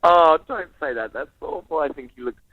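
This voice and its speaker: A man's voice: on the high side, big pitch swings, normal speed, dry recording. A man with an Australian accent chatting as a comedian guest in a camp, self-deprecating way. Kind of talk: casual comic chat. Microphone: phone call. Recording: dull, close phone line.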